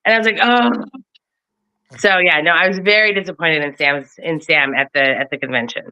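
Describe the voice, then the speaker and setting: A woman's voice: low voice, fairly even intonation, fast talker, bright, forceful tone, clear, resonant tone. Blunt, profane woman ranting. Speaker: political commentator. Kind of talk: casual political chat. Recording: slightly dull lo-fi audio.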